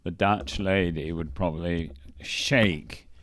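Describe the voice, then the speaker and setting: A man's voice: sits low, steady tone, takes it slowly, a bit bright, no room sound. A man co-hosting a podcast, speaking in a dry, blunt way. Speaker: podcast co-host. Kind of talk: casual chat.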